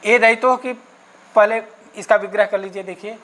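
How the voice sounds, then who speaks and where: Speaking at a moderate, steady pace, a man with a high, fairly bright voice leads a Sanskrit grammar class aimed at exam preparation. His style is to question and then answer himself, checking in with "okay" and spelling sounds out one by one.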